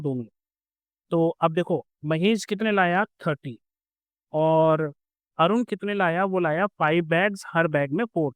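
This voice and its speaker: A man's voice: a little high, no echo. A man teaching a school math lesson, patiently explaining step by step with everyday examples.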